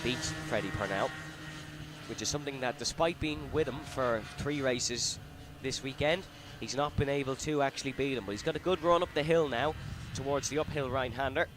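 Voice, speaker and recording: Calling a kart race at an outdoor circuit, a man delivers live play-by-play commentary at normal speed in a medium-pitched voice, rising as the action heats up. Engine roar and track noise are loud throughout.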